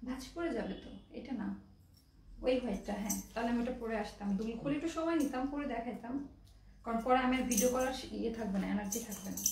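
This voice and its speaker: A high-voiced young woman from Bangladesh runs a chatty dress sale at home, slipping English words into her talk. She sounds a little out of breath. Her voice rings in an echoey room, a bit away from the mic. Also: quick pace, darkish tone, far from the mic, slight background noise. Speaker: online clothing seller. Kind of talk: casual live product showcase.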